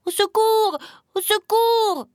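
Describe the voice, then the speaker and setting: A woman voicing Velours, a small, timid male forest animal in a storybook, with a high and eager voice. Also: moderate pace, a little mellow, dry recording, clean studio sound. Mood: panicked.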